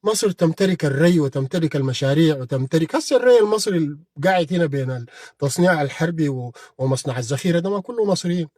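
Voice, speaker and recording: A man's voice: a little high, lively intonation, quick pace, darkish tone, dry recording, clean studio sound. A man with a Sudanese Arabic accent giving a heated political monologue, combative and mocking, speaking straight at his opponent. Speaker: political commentator on a live stream.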